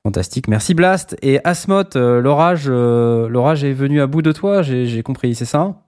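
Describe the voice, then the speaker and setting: A man hosting a relaxed podcast chat, upbeat and friendly in manner as he sums up and thanks his panel. His voice sits at an ordinary middle pitch. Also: normal speed. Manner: upbeat, wraps up and thanks guests. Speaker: podcast host. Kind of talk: casual chat.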